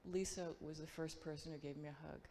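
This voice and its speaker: A woman tells a brief, earnest anecdote at a memorial in a school auditorium. Her voice is low and flat. A long hall reverb and faint ambience sit around it. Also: brisk, a little hiss or hum. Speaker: memorial speaker.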